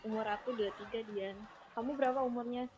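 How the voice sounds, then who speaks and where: A woman in her twenties from Bogor, calling in to a radio show and giving short, soft replies. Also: a little high, steady tone, quick pace, dull audio, slight background noise. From Bogor, Indonesia. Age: 20s. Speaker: caller. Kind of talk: phone call-in chat.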